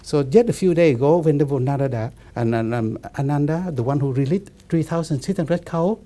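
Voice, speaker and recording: A Buddhist monk in his fifties speaking halting, repetitive non-native English with many restarts in a relaxed discussion. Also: fairly high pitch. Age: 50s.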